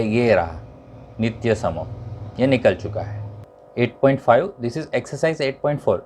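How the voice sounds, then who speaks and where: A male teacher calmly going through which examples and exercises students should tick or cancel, mixing English terms into his Hindi. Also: mid-range voice. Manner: methodical, lists items to tick or cancel. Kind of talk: exam syllabus walkthrough.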